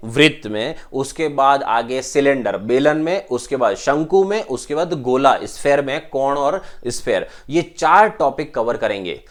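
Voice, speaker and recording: A man teaching a maths lesson at a whiteboard, emphatic, asking the class questions and answering them himself. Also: mid-range voice.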